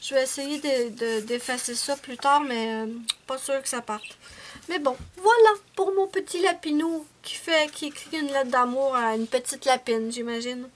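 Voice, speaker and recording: A high-pitched woman with a Québécois accent talks in a loose, rambling way, often calling her viewers her friends. A clear, steady hiss of noise sits under the recording. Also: normal speed. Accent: Quebec French. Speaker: adult coloring channel host. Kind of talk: casual show-and-tell chat.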